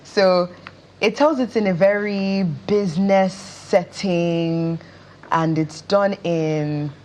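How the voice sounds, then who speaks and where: A stage actress with a Nigerian accent speaks casually as a guest in a television interview. Her voice is on the low side with a darkish tone, and she takes her time.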